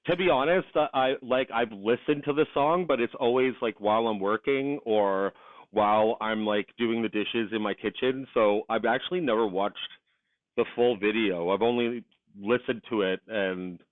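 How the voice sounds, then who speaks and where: A man who is a podcast guest, chatting casually and hesitantly with many pauses and restarts, over a remote call. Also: mid-range voice, no echo. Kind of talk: casual chat. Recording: tinny phone-like line.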